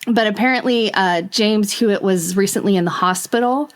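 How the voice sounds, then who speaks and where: A woman's voice: mid-range voice, normal speed. A woman co-hosting a podcast in casual chat, laughing often as she reads out articles. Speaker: podcast co-host.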